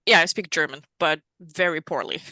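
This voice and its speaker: Chatting casually as a guest author in an interview, a woman from Norway speaks with a Norwegian accent, full of fillers and self-mocking laughter. Her voice is lowish, animated, pushed and bright at a normal speed, with no echo.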